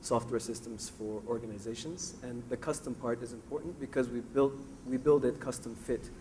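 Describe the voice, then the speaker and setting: A managing partner introducing his software firm on a conference panel, speaking fluently like a polished presenter. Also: medium pitch, normal speed, slight background noise.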